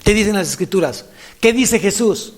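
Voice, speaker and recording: A man with a Mexican Spanish accent preaching as a pastor in a church, animated, repeating phrases for emphasis. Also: high voice, normal speed, husky. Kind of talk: sermon.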